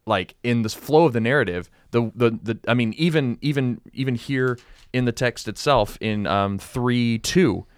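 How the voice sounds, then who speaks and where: A podcast co-host talks casually through a Bible passage, thinking aloud and explaining with everyday examples. His mid-range voice is clean and moves at normal speed, in a dry, studio-quality recording.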